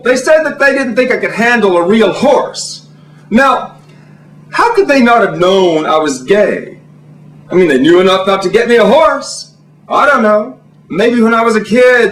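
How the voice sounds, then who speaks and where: A man from Alabama performing a campy, theatrical comic monologue as a stand-up comedian. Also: a bit bright. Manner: campy, theatrical, swooping pitch for punchlines. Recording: roomy, a bit distant from the mic.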